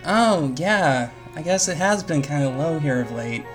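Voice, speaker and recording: A man voicing a small forest fairy with a hesitant, halting voice, higher and louder than his own. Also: expressive, soft background music. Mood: hesitant friendly.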